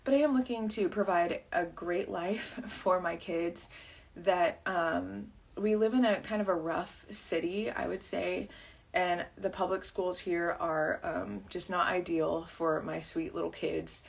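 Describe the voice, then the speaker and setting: A woman in her thirties with a rough morning voice, talking through a rambling, chatty livestream full of fillers and tangents. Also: lowish voice, steady tone, unhurried. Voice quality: husky. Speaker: vlogger and wedding videographer. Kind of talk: casual livestream talk.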